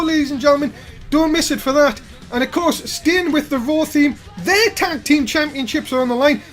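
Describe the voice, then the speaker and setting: A man's voice: very high-pitched, a bit bright. A man hosting a wrestling pre-show, presenting the event like an announcer and putting questions to his panel. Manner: announcer-like, addresses co-panellists and audience.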